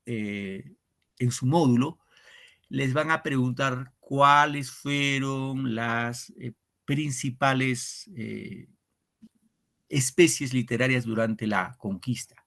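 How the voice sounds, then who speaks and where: A man's voice: mid-range voice, takes it slowly, vocal fry, fairly bright tone. A male teacher, giving an online class and explaining step by step, counting aloud and checking in with his students. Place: home setup for an online class.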